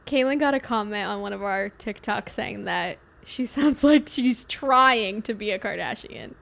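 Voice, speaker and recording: A woman's voice: mid-range voice, unhurried, gravelly. A young woman co-hosting a podcast in casual, chatty talk full of fillers. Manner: chatty, filler-heavy, lively. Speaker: podcast co-host. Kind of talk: casual chat.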